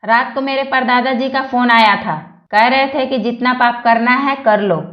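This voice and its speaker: Woman joke narrator, high and lively, unhurried delivery, echoey room. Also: dull audio, very noisy. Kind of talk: read-aloud jokes.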